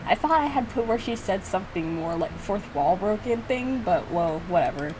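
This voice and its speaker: A woman with a medium-pitched, expressive voice talks at a normal speed over some background noise. She's a video creator reacting to her own game, rambling casually through the playthrough while giggling and poking fun at herself.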